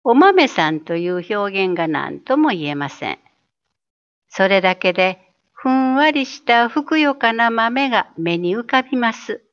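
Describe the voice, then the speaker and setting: A woman giving a gentle, unhurried scripted essay reading that acts out dialect phrases. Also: mid-range voice, highs cut off.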